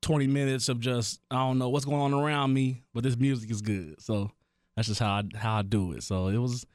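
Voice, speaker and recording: A man's voice: medium pitch, steady tone, fairly quick, a little mellow, dry recording, studio quality. A man in his thirties, a working DJ, chatting casually with friends and laughing often. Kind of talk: casual chat.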